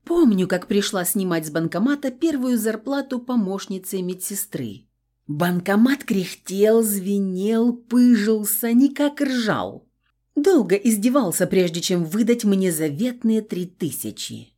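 A woman's voice: mid-range voice, lively intonation, measured pace, warm tone. A woman narrating a first-person audiobook in a wry, ironic way.

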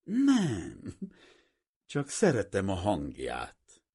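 A man's voice: on the low side, huge pitch swings, creaky, mellow, breathy edge, pitched above the performer's own voice, exaggerated voice. Man doing a cheeky, broke young painter. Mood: playful.

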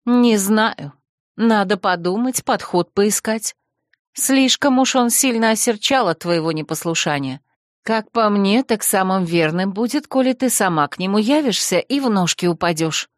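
A woman voicing a young woman's gentle, persuasive older sister in an audiobook, folksy and soothing. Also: mid-range voice, animated, moderate pace, no echo, clean studio sound, lightly acted. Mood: coaxing, stern. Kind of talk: audiobook character voice.

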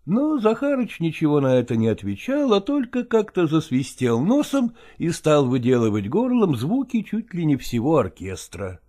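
A storyteller reading a story aloud, measured and expressive in delivery. The pitch sits in a middle register but moves about a great deal. The narrating voice is kept lower and calmer than the voices acted for the characters.

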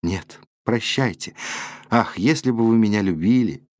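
A man's voice: fairly low pitch, measured pace, a little mellow, no echo, clean studio sound, lightly acted. A man voicing a passionate, proud eighteen-year-old woman who speaks with emotional reproach. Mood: heartbroken.

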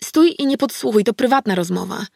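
Lady voicing a giggly tipsy bridesmaid in an audiobook, bubbly, bit of gravel, dry close sound. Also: medium pitch, moderate pace, a little mellow, no echo, close to an everyday voice. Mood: serious. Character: cheerful tipsy woman, bridesmaid, warm old friend. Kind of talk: audiobook character voice.

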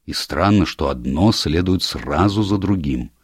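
A man reading an audiobook, voicing a calm country doctor who questions in a measured, deliberate way. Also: sits low, husky, dry recording, clean studio sound, exaggerated voice. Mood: probing.

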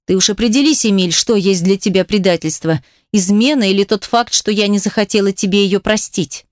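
A woman's voice: a little fast, dry recording, studio quality, close to an everyday voice. A woman voicing a hysterical, venomous woman who hisses and shrieks sarcastic accusations at her ex. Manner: shrill, hissing, sarcastic.

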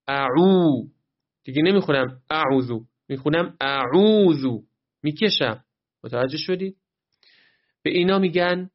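A fairly high-voiced man gives a tajweed lesson, patiently breaking down each letter and sound. He stops often to chant words slowly as examples. The recording sounds dull and lo-fi. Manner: patient, explains step by step and models drawn-out recitation. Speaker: Quran recitation teacher.

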